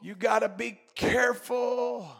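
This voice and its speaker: High gravelly preacher guy, slow and fiery, shouting amens, church crowd faint behind. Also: steady tone. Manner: fervent, shouting in bursts, call-and-response amens. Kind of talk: sermon.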